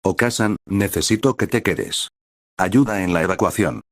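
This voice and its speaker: A man's voice: deep voice, moderate pace, no echo, clean studio sound, natural voice. A man voicing a determined young man from a sad future, speaking firmly without raising his voice. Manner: firm, quiet.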